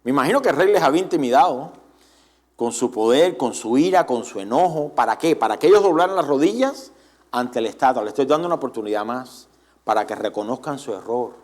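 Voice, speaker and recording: A man preaching a Sunday sermon in church as pastor, animated and often asking the congregation direct questions. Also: mid-range voice, brisk.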